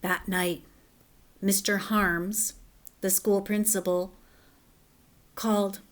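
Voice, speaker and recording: Relaxed teacher reading a story aloud. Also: female voice, mid-range voice, takes it slowly. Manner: relaxed, gently instructive with fillers. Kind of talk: children's read-aloud.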